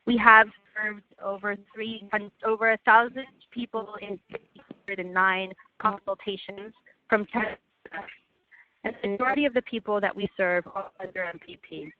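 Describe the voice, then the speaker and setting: A woman presenting slides in a webinar over a phone line, earnest and halting with frequent restarts. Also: medium pitch, fairly even intonation, dry recording. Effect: heard over a phone line. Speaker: webinar presenter for a legal aid project. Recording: tinny, dry phone line.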